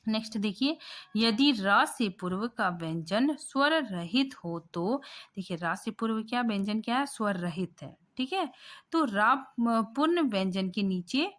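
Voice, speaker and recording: A woman teaching a grammar lesson from slides, patient and repetitive, often pausing with fillers and checking in with a rising question. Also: mid-range voice, lively intonation, a bit bright. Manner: checks in constantly with "ठीक है?", rising; patient, repeats points, thinks aloud with fillers.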